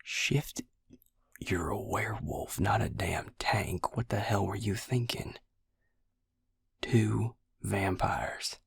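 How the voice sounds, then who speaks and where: A man voices a wry, protective male vampire for an intimate audio roleplay, his low, slow delivery sinking into a husky, heavily fried half-whisper that is gravelly and breathy. Speaking right to the listener in a tight, dry space, he seems exasperated but near. The tone is a bit bright, the recording has no room sound, and he commits to a full character voice.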